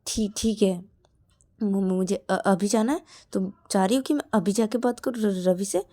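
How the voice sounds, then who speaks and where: A woman's voice: mid-range voice, normal speed, warm tone, natural voice. A woman voicing Shruti, a nervous young woman who stammers over every word. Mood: flustered. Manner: constant stammering.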